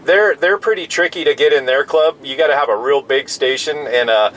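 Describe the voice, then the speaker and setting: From the cab of a pickup, a fifty-something American man makes easygoing two-way radio small talk, wandering through his explanations. His voice sits on the high side, fairly quick and bright, caught on a low-quality in-vehicle recording full of audible background noise.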